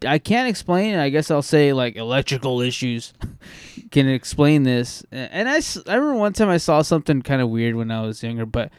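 A man's voice: mid-range voice, smooth, dry recording, studio quality. A man, a podcast co-host, chatting casually in loose, profane run-on sentences that trail off. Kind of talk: casual chat.

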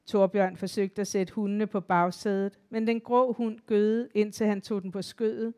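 A woman's voice: mid-range voice, steady tone, a little mellow, smooth. Woman reading a literary audiobook. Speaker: audiobook narrator.

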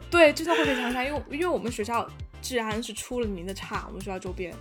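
Fast, animated young woman telling a story. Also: a little high, music in the background. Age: young adult. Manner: animated storytelling with many fillers and restarts. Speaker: podcast guest storyteller. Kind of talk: casual chat.

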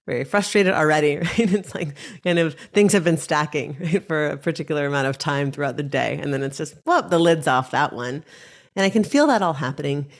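A woman breathwork teacher speaking as a podcast guest, talking in a measured, reflective way. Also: sits low. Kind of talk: podcast interview.

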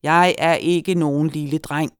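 A woman voicing a grumpy little old male farm gnome who shouts and huffs, in a storybook reading. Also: extremely low pitch, big pitch swings, vocal fry, no room sound, clean studio sound, exaggerated voice. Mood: grumbling. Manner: shouting, huffy, cantankerous.

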